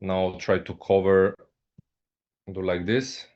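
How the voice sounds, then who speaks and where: Deep, flat and slow, this man's darkish voice comes over a dull, lo-fi video call as he hosts a live online business presentation. He is a company ambassador from Bulgaria whose first language is Russian. He sounds hesitant, fills pauses often, and keeps saying "okay, guys."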